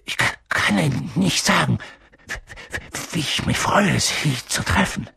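A man's voice: fairly high pitch, lively intonation, unhurried, gravelly, slightly rough, dry recording, heavily acted. A man voicing a pale, nervous young professor who stammers in a half-whispered voice. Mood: jittery.

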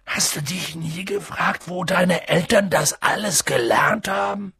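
A man voicing a huge, gruff male giant with a quick temper who bellows and booms in an audiobook reading. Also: pushed and bright, no echo, studio quality, exaggerated voice. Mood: indignant. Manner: booming, bellowing outbursts. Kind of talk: audiobook character voice.

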